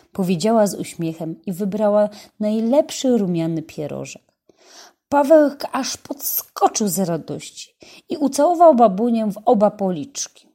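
Lektorka opowiadania, ciepła, lekko schrypnięta barwa, ekspresyjnie. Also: female voice, mid-range voice. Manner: expressive, measured. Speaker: storyteller. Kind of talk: children's story narration.

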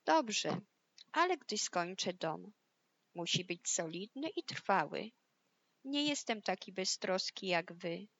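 A woman's voice: medium pitch, slow, creaky, lo-fi sound, full character voice. A woman voicing a wise, hardworking male pig in a storybook, speaking steadily and firmly. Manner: steady, admonishing. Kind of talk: storybook reading.

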